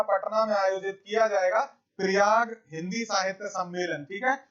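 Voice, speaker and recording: A man's voice: high voice, a bit bright, highs cut off. A man giving a current affairs exam lecture over slides, repeating key facts and calling his viewers friends. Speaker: exam coaching teacher.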